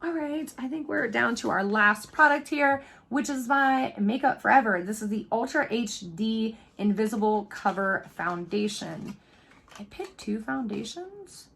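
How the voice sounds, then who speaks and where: Chatty lady doing a beauty unboxing, thinks out loud, laughs often. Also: fairly high pitch, unhurried, gravelly, hardly any pauses. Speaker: beauty vlogger. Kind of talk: casual unboxing chat.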